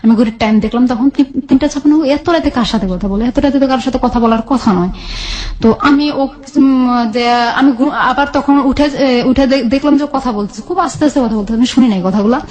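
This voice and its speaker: Female guest, somewhat high pitch, rambling colloquial storyteller with frequent restarts. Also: a little fast, a little mellow. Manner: rambling, many restarts, colloquial dialect forms. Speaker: guest telling her life story. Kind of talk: emotional personal storytelling.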